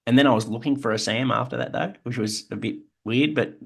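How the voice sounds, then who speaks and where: A man's voice: medium pitch, fairly quick, gravelly, slightly rough. An Australian man, podcast co-host, telling his own story in an earnest, reflective way. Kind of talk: casual chat.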